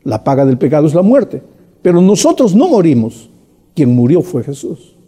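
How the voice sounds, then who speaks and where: A man's voice: fairly high pitch, big pitch swings, normal speed, dark tone, husky. A man preaching a sermon in an earnest, explanatory way, speaking directly to the listener.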